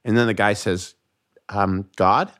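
A lower-pitched American man chatting on a podcast as a guest comedian. He tells long jokes like little stories and slips into voices for the characters. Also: a little fast. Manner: animated storyteller, voices joke characters. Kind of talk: casual podcast chat, telling jokes.

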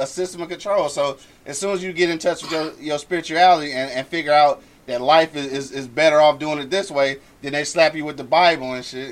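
A man talking casually in a group discussion, using informal, profane slang. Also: fairly high pitch.

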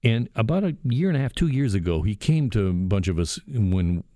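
A man's voice: on the low side, very animated, brisk, warm tone, no echo. A man hosting a radio talk show from a studio booth, chatty and jokey. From Canada. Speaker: radio host. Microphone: studio microphone.

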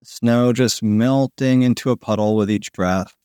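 A man narrating a guided sleep meditation in a slow, soothing manner with long pauses, like a sleep story narrator. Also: mid-range voice, mellow, clear, resonant tone, no room sound, clean studio sound. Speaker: podcast host guiding a sleep meditation.

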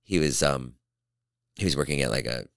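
A man's voice: extremely low pitch, animated, moderate pace, vocal fry, a bit bright, dry recording, clean studio sound. A man chatting casually and asking questions in a teasing, inquisitive way. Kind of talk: casual chat.

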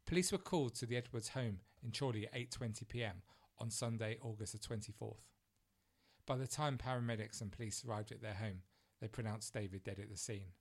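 A man narrating a true crime story in a measured, grave manner. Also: on the low side.

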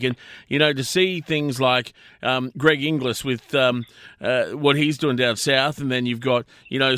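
A man's voice: medium pitch, a bit bright, clean tone, dry recording, studio quality. An Australian man hosting a casual radio interview in a matey, colloquial way. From Brisbane, Australia. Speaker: radio host.

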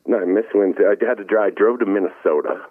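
Very deep man on a tinny phone line. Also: quick pace, no echo. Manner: laughing, stammering restarts. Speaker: podcast co-host. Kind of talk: casual sports talk.

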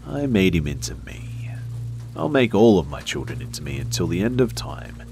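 A man's voice: low voice, big pitch swings, normal speed, creaky, darkish tone, soft background music, pitched above the performer's own voice, exaggerated voice. A man narrating a horror story voices a cruel, ancient male spirit with a contemptuous drawl.

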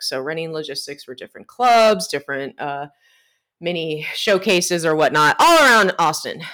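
A woman co-hosting a podcast, telling a story in a casual, animated way, laughing often and swearing freely. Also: low-pitched. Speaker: podcast co-host.

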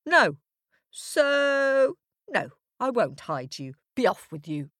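A woman's voice: on the high side, sing-song, slow pace, a bit bright, no echo, studio quality, voice pushed up, exaggerated voice. A woman voicing a grudging talking oven that curtly refuses help. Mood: stern. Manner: curt, refusing.

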